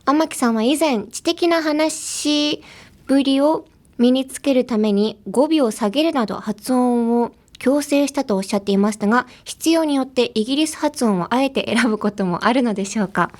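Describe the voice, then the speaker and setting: A woman's voice: sits high, normal speed. Chatty American woman podcast host. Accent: American English. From Los Angeles. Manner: chatty, laughs often, switches between languages. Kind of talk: casual bilingual chat.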